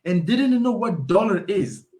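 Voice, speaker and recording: A man's voice: high voice, expressive, normal speed, darkish tone. A man, a guest in a casual interview, explaining history and telling stories with frequent restarts. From Afghanistan.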